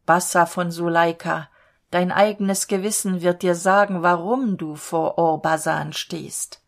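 A woman's voice: on the low side, fairly even intonation, measured pace. A woman reading the lines of a stern, commanding male robber chief in a spoken fairy tale. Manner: wrathful, commanding.

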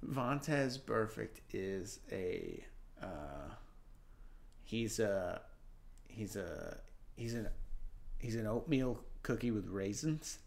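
A man's voice: fairly low pitch, animated, slow, creaky, pauses often. A man co-hosting a casual sports podcast, joking around with a playful, laughing, crude manner. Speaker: podcast co-host. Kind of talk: casual chat.

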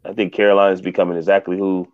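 Deep-ish guy guest on a sports pod, laid back, muffled lo-fi sound. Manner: relaxed, halting, chuckles often. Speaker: podcast guest. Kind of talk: casual sports picks chat. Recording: dull lo-fi audio.

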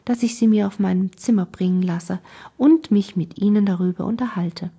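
A woman voicing a courteous young baron in an audiobook, with a mellow, breathy voice. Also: medium pitch, moderate pace. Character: polite young male baron, art lover.

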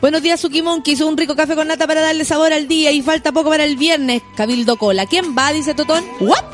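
High-voiced Chilean woman, chatty radio host. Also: quick pace, soft background music. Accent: Chilean Spanish. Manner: chatty, laughs often, slangy and playful. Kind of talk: casual morning radio chat, reading listener messages.

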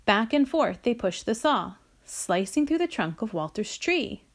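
Female storyteller, unhurried read-aloud, very lively pitch, children's book. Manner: slow, expressive read-aloud delivery.

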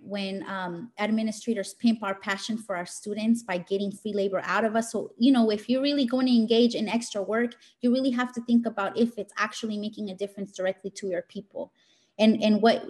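A woman's voice: medium pitch, darkish tone. A woman giving an informal motivational talk in an emphatic, scolding teacher voice, speaking directly and colloquially.

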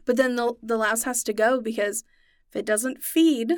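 A woman's voice: fairly high pitch, steady tone, normal speed, clean tone, no echo, studio quality. A young woman co-hosting a casual podcast, explaining insect biology in detail with a chatty, knowledgeable manner. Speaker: podcast co-host explaining science. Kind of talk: casual chat.

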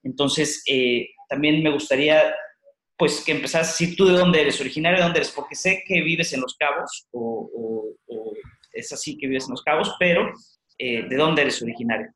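A man's voice: fairly high pitch, normal speed, a bit bright. Male podcast host, upbeat, chatty, hesitant fillers, roomy echo. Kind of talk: podcast interview hosting. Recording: roomy, echoey sound.

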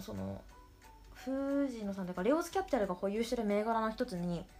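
A woman podcast host with a cute, girlish anime-style voice, talking casually and rambling in a playful, self-deprecating way. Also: a little high. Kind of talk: casual solo podcast talk.

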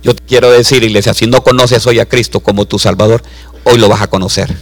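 A man preaching a sermon to a church, swinging from low asides to loud preaching. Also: flat delivery, brisk. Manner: acts out voices in his story.

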